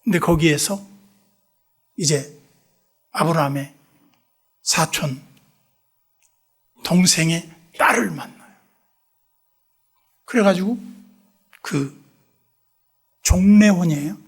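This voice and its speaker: A man preaching a revival sermon in a church, telling stories animatedly and acting out both sides of dialogues, dropping to hushed asides. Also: fairly high pitch, takes it slowly, long pauses, slightly rough. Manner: drops to hushed whispers for asides. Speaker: pastor. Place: church sanctuary.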